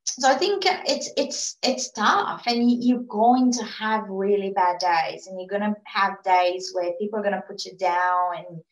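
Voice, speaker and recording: Recorded roughly in a reverberant space, this woman speaks at a measured pace in a mid-range voice. She owns a PR agency, moved to Australia and didn't grow up speaking English, and as an interview guest she answers earnestly, full of fillers and restarts.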